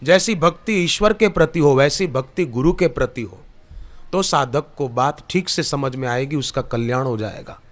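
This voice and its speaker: A man's voice: mid-range voice, lively intonation, normal speed. A man preaching a spiritual discourse to an audience, telling scripture stories with emphatic rises and quoted verses. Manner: storytelling with scriptural quotes, rising emphatic delivery. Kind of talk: Hindi satsang discourse. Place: discourse hall before an audience.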